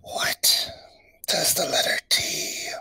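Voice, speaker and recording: A man voicing a gelatinous cube monster in a breathy whisper that gurgles as if through water. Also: slow pace, pushed and bright, dry recording. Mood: teasing. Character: gurgling, bubbling gelatinous cube monster riddling from below the surface.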